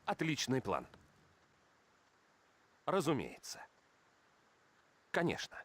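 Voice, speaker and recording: An actor playing a noble, confident young paladin prince in a video game, proud and declamatory. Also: male voice, medium pitch, wildly swooping pitch, takes it slowly, fairly bright tone, husky, heavily acted. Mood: proud, resolute. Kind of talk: heroic video game character lines.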